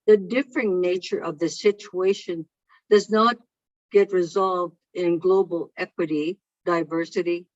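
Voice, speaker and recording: A keynote speaker whose first language is not English reads a prepared speech slowly, in a measured and deliberate way, over a video call. The mid-range voice comes through a video call microphone, and the dry recording has dull lo-fi online call audio.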